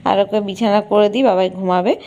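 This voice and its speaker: A woman's voice: mid-range voice, fairly even intonation, quick pace, warm tone, muffled recording. A middle-aged woman chatting casually in a home vlog, rambling with many fillers, recorded on a phone camera at home. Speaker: vlogger. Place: home kitchen and bedroom.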